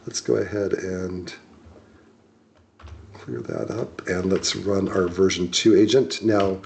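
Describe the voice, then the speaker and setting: Low-voiced man walking through code. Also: measured pace, gravelly, a little hiss or hum. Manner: relaxed, many ums and restarts while explaining. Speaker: software tutorial instructor. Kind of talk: screen-share coding walkthrough.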